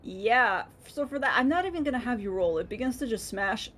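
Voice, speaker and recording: A woman's voice: on the high side, expressive, fairly quick, fairly bright tone. A woman acting as game master, narrating a tabletop game casually and informally.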